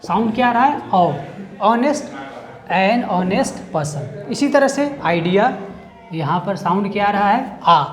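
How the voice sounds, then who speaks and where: A woman's voice: medium pitch, lively intonation, moderate pace, faint music behind. Echoey woman teaching English grammar. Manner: explains step by step, asks the class questions and answers them herself. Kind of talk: classroom-style grammar lesson.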